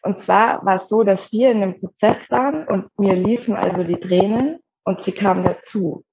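A woman guest on a podcast tells her personal story softly and reflectively, pausing at times to find the right words. Her mid-range voice, at normal speed, carries a steady gravelly fry, and the recording is somewhat muffled and lo-fi.

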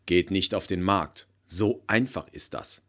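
A man's voice: low-pitched, unhurried, a bit bright, pitched above the performer's own voice. A man reading an audiobook, voicing a cool, dismissive male car company boss.

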